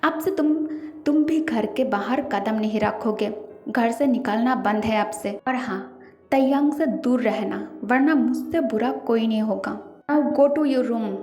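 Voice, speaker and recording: A woman's voice: a little high, slow pace, mellow, faint music behind. A woman doing a stern commanding older brother. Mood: furious. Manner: curt, commanding. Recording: echoey reverberant room.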